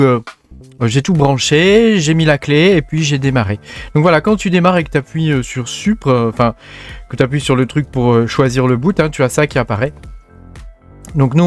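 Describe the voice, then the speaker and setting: A man from France hosting a casual tech tutorial, talking informally to the viewer with many fillers and tags like "hein". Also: medium pitch. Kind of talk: casual screen-recorded tutorial.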